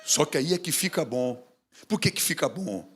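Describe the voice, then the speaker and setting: Brief: passionate man preaching, high and animated, questioning his congregation. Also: moderate pace, slightly rough. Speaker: pastor. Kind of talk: sermon.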